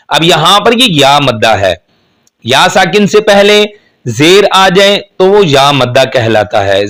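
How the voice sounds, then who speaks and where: Slow, high-voiced man teaching recitation. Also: a bit bright. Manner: explains rules patiently, then chants verses slowly and melodically. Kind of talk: slow step-by-step tajweed lesson.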